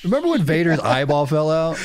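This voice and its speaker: A man's voice: a little high, sing-song, quick pace, a crowd in the background. A man in casual chat, joking and laughing with friends. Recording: clearly noisy background.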